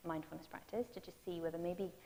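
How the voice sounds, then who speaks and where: A woman gently leading parents through mindfulness and movement exercises, giving soft cues to breathe. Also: fairly low pitch, fairly even intonation, fast, gravelly. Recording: long reverb with faint hiss.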